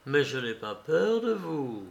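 A man voicing a gentle young woman prisoner in hushed, quiet replies for an audiobook. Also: on the high side, very animated, slow, creaky, lo-fi sound, heavily acted. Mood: tender.

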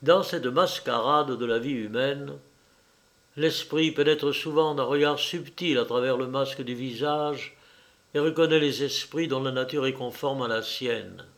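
A man reading a literary tale aloud, with measured, formal storytelling. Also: mid-range voice, fairly bright tone. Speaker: audiobook narrator. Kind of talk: scripted literary narration.

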